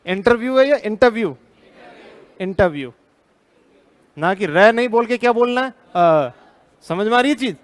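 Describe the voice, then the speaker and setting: A man's voice: high voice, lively intonation, normal speed. An Indian man teaching a live class, drilling students with repeated questions, firm and teasing.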